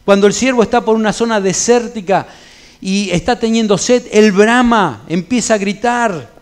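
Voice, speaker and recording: A man's voice: high voice, moderate pace, clean tone. A middle-aged man with a Rioplatense accent, a pastor leading an evening church Bible study, preaching in a conversational way with homely anecdotes and colloquial asides. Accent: Rioplatense Spanish. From Argentina.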